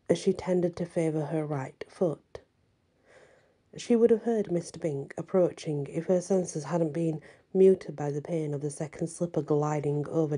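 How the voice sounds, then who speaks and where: A woman narrating a story as a storyteller in a soft ASMR style. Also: deep voice.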